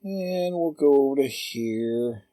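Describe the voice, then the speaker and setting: Slow, calm man teaching drawing. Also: mid-range voice, dry recording. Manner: calm, step-by-step, unhurried. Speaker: drawing tutor. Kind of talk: slow screen-recorded tutorial.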